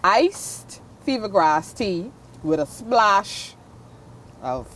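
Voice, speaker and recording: A woman's voice: mid-range voice, expressive, very slow, noisy background. A Bahamian woman guest on a talk show, chatting casually as she explains a recipe step by step. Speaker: guest cook. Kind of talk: casual chat.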